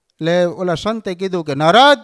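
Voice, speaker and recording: A man preaching in a Kathiawadi Gujarati accent tells a sacred tale with a high, lively voice. His pitch rises and falls sharply as he acts out the voices of the figures. The delivery is an animated storytelling sermon. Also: normal speed. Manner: animated storyteller acting out dialogue. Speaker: religious speaker.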